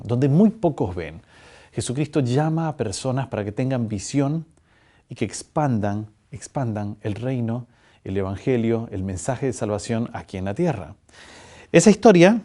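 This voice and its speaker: A male pastor delivers an animated sermon. His voice is warm and mellow, sitting at a middle pitch. He throws rhetorical questions at the congregation and teases them as he goes.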